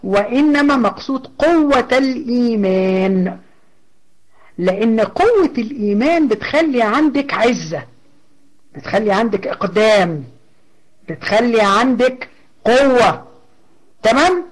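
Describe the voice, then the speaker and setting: A woman's voice: fairly high pitch, expressive, a little slow, pauses often, low-quality recording. A woman with an Egyptian accent teaching a religious lesson conversationally, asking rhetorical questions and checking in with her listeners.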